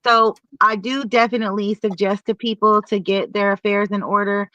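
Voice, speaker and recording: Woman lecturing earnestly, bright sharp voice, dry dull lo-fi sound. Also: medium pitch, level tone, no echo. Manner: earnest, lecturing, drawn-out phrases. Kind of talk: casual chat, giving earnest advice.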